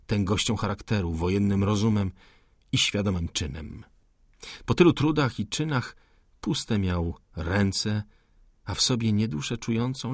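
A man reads a classic novel aloud in a measured, deliberate way. His voice is low and a little husky. The recording is close and dry, with no room sound. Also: no echo. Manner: measured, deliberate literary reading. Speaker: narrator. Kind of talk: audiobook narration.

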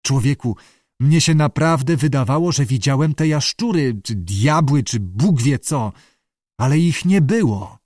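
A man with a mid-range, darkish voice and lively intonation performs a small, gossipy male Irish sailor for an audiobook. The character is wheedling and conspiratorial, and he backs down quickly. The studio recording is clean, with no echo.

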